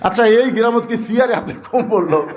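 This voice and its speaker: Man, high voice, fiery sermon, sung verses, lilt. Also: a little fast, echoey room, dull audio, some chatter behind. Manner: animated, rising to loud emphatic preaching with sung verses and jokes. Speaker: preacher.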